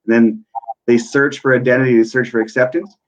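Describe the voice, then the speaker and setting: A man's voice: mid-range voice, fairly even intonation, a little fast, rough recording. A man speaking as an interview guest about working with youth, explaining earnestly with frequent fillers. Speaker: guest, youth worker and parenting coach.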